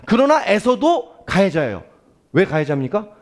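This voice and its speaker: A male pastor delivers a sermon with a high voice. His pitch swings widely as he asks the congregation questions and acts out the prayers he quotes. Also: big pitch swings, normal speed.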